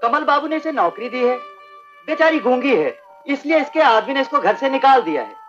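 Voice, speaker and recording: A chatty household servant, explaining eagerly in a very high, sing-song voice. The old film sound is dull, with a faint score behind him. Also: male voice, sing-song, normal speed, over music.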